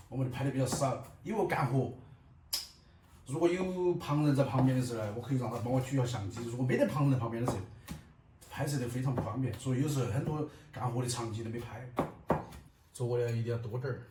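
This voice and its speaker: A middle-aged man with a Southwestern Mandarin accent gives casual, personal vlog talk. His voice is medium in pitch and comes from a little way off the mic. The room echoes, with noise behind him. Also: fast talker, recorded from a distance. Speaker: vlogger.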